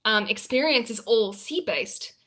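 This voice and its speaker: Female guest from the UK, mid-high bright voice, candid conversational delivery. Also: unhurried. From United Kingdom. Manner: candid, warm-hearted storytelling with "um" fillers. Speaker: interview guest, former yacht crew. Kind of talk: casual interview. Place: at home by the sea.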